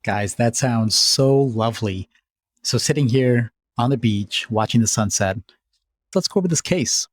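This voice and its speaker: A man's voice: mid-range voice, measured pace, no room sound. A man hosting a medical podcast, upbeat and welcoming as he introduces guests. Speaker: podcast host.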